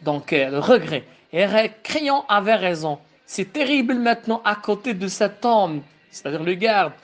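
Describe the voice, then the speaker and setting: Slow-reading woman. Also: medium pitch, lively intonation. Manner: slow, deliberate reading with explanations. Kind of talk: reading a play aloud and explaining it.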